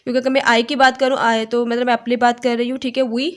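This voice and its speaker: A woman gives an online grammar lesson in a slightly high voice. She talks slowly and stops often with "theek hai" to check her students are following. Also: level tone. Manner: slow, explaining with frequent "theek hai" checks. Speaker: English teacher.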